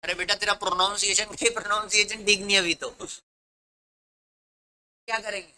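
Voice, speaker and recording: A male commerce teacher from Rajasthan lectures a classroom of students. His voice is very bright and sharp, and he switches between Hindi and English. He keeps quizzing the class with the same question again and again. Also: high voice, steady tone, normal speed, smooth, rough recording. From Rajasthan, India.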